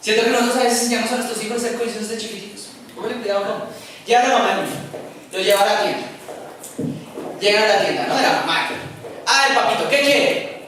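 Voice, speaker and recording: A man's voice: sits high, fairly bright tone, slight background noise. A man preaching a sermon, speaking conversationally and putting questions to the congregation. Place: church. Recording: echoey church from far off.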